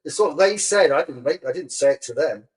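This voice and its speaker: A middle-aged man who is a podcast co-host and magazine editor chats easily and casually, self-deprecating and laughing often. His voice is a little high and brisk with lively intonation, in a rough recording.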